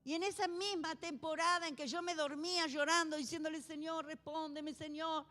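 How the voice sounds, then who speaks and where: A woman pastor with a Rioplatense accent preaching a sermon, swinging between loud proclaiming and soft, low pleading. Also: fairly even intonation, brisk. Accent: Rioplatense Spanish. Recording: music under a long church reverb.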